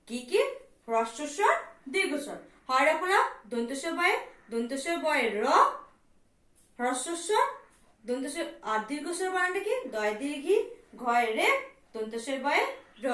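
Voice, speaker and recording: A woman's voice: sits high, fairly bright tone. A woman teacher with a West Bengal Bengali accent, patiently explaining a lesson to young pupils, repeating terms and asking and answering her own questions. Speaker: primary school teacher. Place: classroom with board. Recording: echoey room, mic far off.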